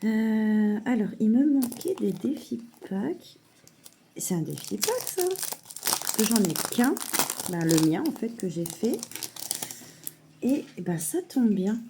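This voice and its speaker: A woman showing a parcel in a casual vlog at home, hesitant with many fillers and softly gushing. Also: fairly high pitch, big pitch swings, slow pace, pauses often, noisy background. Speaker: mother unboxing a parcel of saving challenges. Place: at home at a table.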